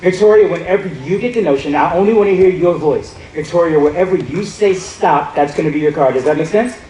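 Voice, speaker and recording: This man's fairly high, fairly quick voice carries live magic show banter across a large theater on a cruise ship. Playing stage magician, he jokes, teases the audience and breaks into loud hype, all captured from far off in an echoey hall amid crowd noise, chatter and laughter.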